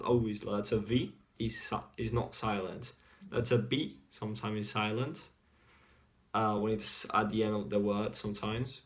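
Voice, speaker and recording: A man with a Spanish accent giving a casual English pronunciation lesson, repeating example words slowly and deliberately. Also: on the low side. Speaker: English teacher.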